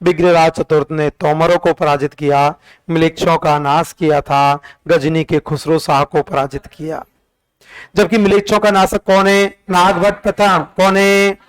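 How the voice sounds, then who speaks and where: A man's voice: a little high, level tone, moderate pace, clean tone, rough recording. A man teaching history, drilling facts through repeated questions and sing-song counting in call-and-response revision.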